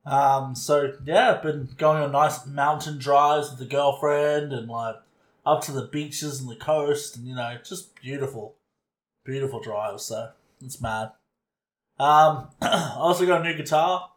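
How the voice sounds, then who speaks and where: A man's voice: medium pitch, unhurried, reverberant. A man co-hosting a podcast in a joking, laid-back casual chat. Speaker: podcast co-host.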